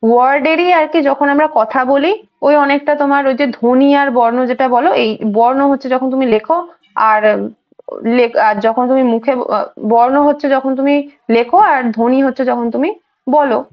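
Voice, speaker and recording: High-voiced Bengali-accented woman teacher. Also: fairly even intonation, a little fast, dull audio. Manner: explains in Bengali mixed with read-out English. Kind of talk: online exam-prep class. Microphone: video call.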